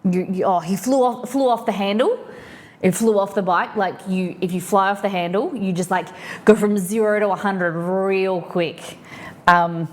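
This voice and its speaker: A woman's voice: mid-range voice, moderate pace. An Australian woman streaming live, chatting casually and explaining slang with lots of fillers and restarts. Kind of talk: casual chat.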